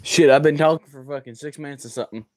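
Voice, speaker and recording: A man's voice: on the high side, steady tone, fast talker, darkish tone. A man with a Southern US accent chatting casually on a livestream, crude and folksy, swearing a lot.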